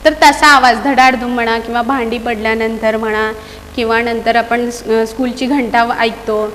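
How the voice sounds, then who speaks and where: A woman teaching a children's poem to young pupils, asking many coaxing questions and slowly chanting rhyme lines for the class to repeat. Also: on the high side, steady tone, a bit bright, big-room sound, soft background music. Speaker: primary school teacher.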